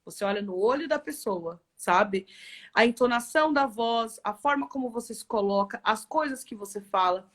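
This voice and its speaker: Woman executive, interview guest; lively storyteller, slightly high voice. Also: moderate pace. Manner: lively storytelling with frequent tag questions. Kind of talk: casual live interview chat.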